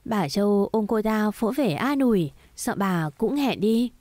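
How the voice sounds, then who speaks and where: A woman narrating a romance story aloud in a steady, even storytelling manner. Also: mid-range voice, measured pace, dry recording.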